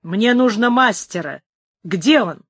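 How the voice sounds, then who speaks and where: A woman's voice: medium pitch, lively intonation, takes it slowly, slightly rough, no echo, clean studio sound. A woman voicing a huge, secretive man who speaks firmly and insistently, in a story reading.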